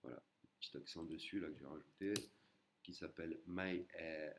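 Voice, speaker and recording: A man's voice: deep voice, normal speed, noisy background. A man teaching an online language lesson, patiently repeating and breaking words into syllables.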